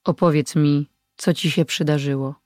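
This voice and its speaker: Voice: mid-range voice, fairly even intonation, normal speed, a little mellow, no echo, clean studio sound, lightly acted. An audiobook reader voicing an old male healer and sorcerer living in the mountains, who speaks in a commanding, authoritative way. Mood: earnest.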